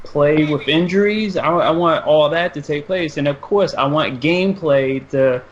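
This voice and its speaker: A man's voice: fairly high pitch, moderate pace. A man co-hosting a sports and gaming podcast, talking things through at length in casual chat. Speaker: podcast co-host. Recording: dull lo-fi sound, faint noise.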